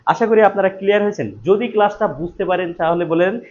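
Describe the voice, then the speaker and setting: A man's voice: high-pitched, fast. A man teaching a live online exam-prep class, repeating each question and then answering it himself, stressing key words. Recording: dull lo-fi stream audio with faint noise.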